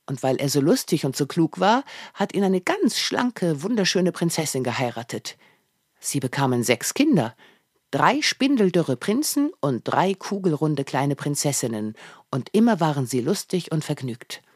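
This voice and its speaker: A woman reading a children's story aloud with lively, expressive storytelling. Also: low voice, normal speed, slightly rough, dry recording, studio quality.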